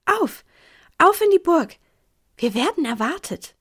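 A woman voicing a calm self-assured girl. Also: a little high, takes it slowly, slightly rough, full character voice. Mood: composed. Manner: composed, direct.

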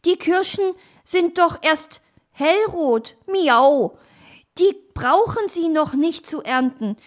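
A woman's voice: very high-pitched, expressive, slow, pitched above the performer's own voice, exaggerated voice. A woman voicing a friendly cat in a children's audio story who soothes others and adds meows. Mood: reassuring. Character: friendly young cat who says meow.

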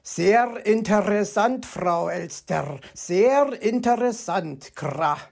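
A reader voicing a proud, grumpy male raven craftsman who croaks between his slow, raised-pitch words in a storybook reading. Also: lively intonation, a little mellow, heavily acted. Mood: puzzled.

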